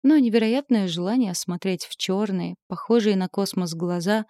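Woman, audiobook narrator, expressive first-person reading, mellow, dry close recording. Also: medium pitch, normal speed, dry recording.

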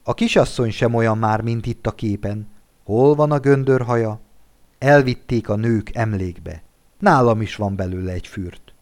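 A man voicing Tubák, an aging gentleman who speaks in a wry, teasing, muttering way in a storybook reading. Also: lowish voice, lightly acted.

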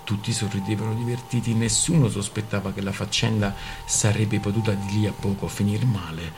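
A man's voice: lowish voice, steady tone, a little fast, vocal fry, music in the background. A man reading a novel aloud on a radio show in a storytelling manner. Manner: storytelling, acting out characters. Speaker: reader.

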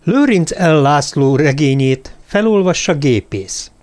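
A man reading a thriller novel aloud as an audiobook narrator, calm and measured. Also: fairly high pitch, soft background music. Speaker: audiobook reader. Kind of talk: scripted narration.

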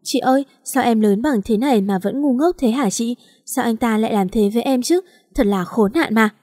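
A woman voicing an impulsive, chatty young woman who talks in an emotional, rapid, complaining way. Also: on the high side, darkish tone, no echo, clean studio sound, natural voice. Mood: tearful.

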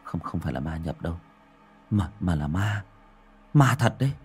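A man's voice: low-pitched, lively intonation, moderate pace, faint music behind, pitched below the performer's own voice. A man voicing a terrified young village man who stammers and trembles as he speaks. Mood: whispered fear.

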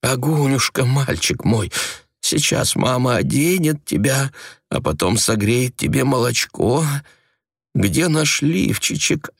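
A man reading an audiobook, voicing a frightened young mother speaking softly and tenderly. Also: medium pitch, animated, slow pace, creaky, breathy edge, no echo, clean studio sound, pitched above the performer's own voice, full character voice.

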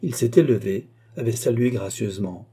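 A man reading a historical novel aloud in a measured, calm storytelling manner. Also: medium pitch, breathy edge. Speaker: audiobook reader. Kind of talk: audiobook narration.

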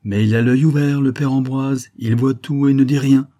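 A man's voice: medium pitch, normal speed, warm tone, slightly rough, natural voice. A man voicing a shrewd, good-natured old country farmer who talks in a knowing, folksy, insistent way.

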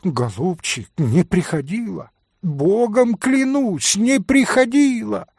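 A terrified young maid who pleads in a high, tearful voice that wavers widely, as a male reader puts her on. The recording is close and dry. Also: lively intonation, slow, no echo, exaggerated voice. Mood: pleading. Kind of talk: audiobook reading.

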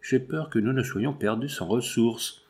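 A man's voice: mid-range voice, unhurried, close to an everyday voice. A man reading as a fearful scheming rich man. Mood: anxious. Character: scheming wealthy middle-aged man, fearful.

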